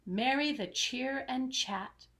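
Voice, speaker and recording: Reading to young children as a story time host, a woman gives an expressive picture-book read-aloud in a dramatic, singsong style. She speaks slowly in a high, slightly bright voice.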